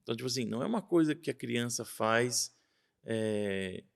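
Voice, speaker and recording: Gravelly-voiced father explaining earnestly. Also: mid-range voice, lively intonation, normal speed. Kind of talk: interview.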